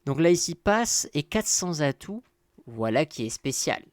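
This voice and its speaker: A man's voice: on the high side, big pitch swings, unhurried, no echo, clean studio sound. A man hosting his own channel, explaining bidding in a casual lesson, talking in a loose conversational way with many fillers and repeated "so here" phrases. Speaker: bridge teacher and channel host.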